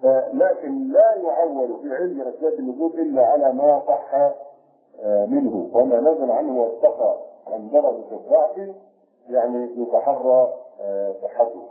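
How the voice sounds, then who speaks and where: A man giving a religious lecture as a sheikh teaching Quran commentary, measured and repeating key phrases to explain them. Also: medium pitch, soft background music. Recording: echoey room on a tinny lo-fi tape.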